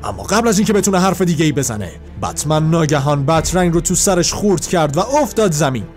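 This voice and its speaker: A man whose voice sits fairly high narrates a comic book, walking through the story one panel at a time in a plain, steady manner. Faint, soft music plays in the background.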